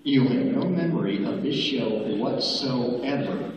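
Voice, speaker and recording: A man working as a stage hypnotist, giving slow, repetitive suggestions to volunteers in a school gym, sometimes shouting playful lines for them to repeat. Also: mid-range voice, expressive, a little hiss or hum. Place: school gym with a live audience. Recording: distant echoey gym recording, muffled, with a loud crowd.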